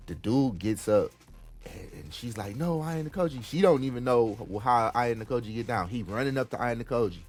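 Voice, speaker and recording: A man hosting a casual podcast chat, retelling a story in an animated, slangy, excitable way. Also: medium pitch, normal speed, soft background music. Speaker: podcast host.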